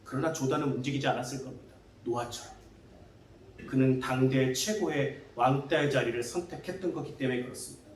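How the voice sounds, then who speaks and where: A man's voice: mid-range voice, fairly quick, a little hiss or hum. A male pastor preaching a sermon, asking the congregation questions and acting out what scoffing neighbors might have said. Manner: asks the congregation questions, acts out neighbors' taunts. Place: church sanctuary. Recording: echoey church hall from far off.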